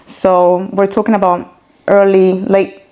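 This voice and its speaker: In an unhurried, monotone, medium-pitched voice, a woman in her thirties or forties answers interview questions conversationally from her home, with background noise audible. She was born in Ghana, raised in Italy, and has a mixed multicultural accent with some American in it.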